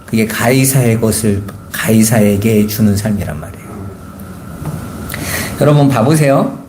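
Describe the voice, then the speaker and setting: A man's voice: lowish voice, normal speed, a little mellow, a little hiss or hum. A man preaching a Sunday sermon as pastor, asking the congregation rhetorical questions and acting out quoted voices. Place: church sanctuary. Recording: echoey church room.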